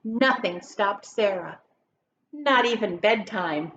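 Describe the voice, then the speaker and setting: A woman takes her time reading a kids' picture book in a teacherly, expressive manner, leaning on dramatic emphasis and asking her listeners things. Her medium-pitched voice is a touch bright, though the audio itself comes across dull.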